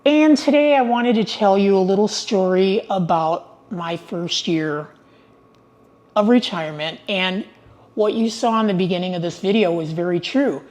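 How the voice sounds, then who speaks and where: A woman's voice: medium pitch, moderate pace, darkish tone. An older woman in retirement chatting casually to her viewers from her home, upbeat and prone to digressions. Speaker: retiree vlogger. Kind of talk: casual vlog monologue.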